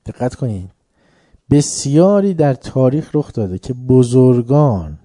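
A man's voice: mid-range voice, animated, mellow. A man giving a philosophy lecture, emphatic, asking the audience rhetorical questions and urging them to pay attention.

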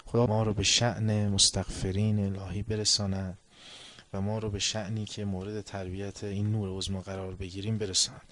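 A man preaching a sermon, telling a story and dropping to a low, hushed tone on reflective passages. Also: little pitch movement.

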